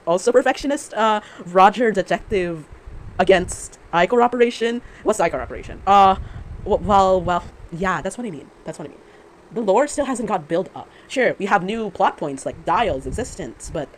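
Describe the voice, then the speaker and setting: In a low-quality amateur recording with obvious background noise, someone with a mid-range voice delivers an unscripted, sarcastic opinion rant about a game. They ramble as fans do, stammering and correcting themselves often.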